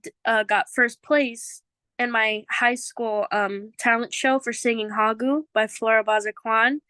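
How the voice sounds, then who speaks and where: A woman with a fairly high voice, recorded close and dry, speaks from personal experience. Her first language is Chamorro, and her casual testimony is earnest and emotional. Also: fairly even intonation, unhurried, pushed and bright, smooth, dry recording.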